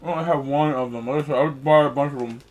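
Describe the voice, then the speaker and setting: A man chatting casually on a live stream, rambling and relaxed while he snacks and races. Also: medium pitch, very fast, slight background noise, rough recording. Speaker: sim racing streamer. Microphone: headset.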